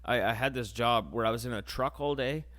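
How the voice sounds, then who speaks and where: A man's voice: mid-range voice, fairly quick, fairly bright tone. A young man hosting a podcast, ranting in a casual, sarcastic, rambling way. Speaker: podcast host. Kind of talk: casual comedic rant.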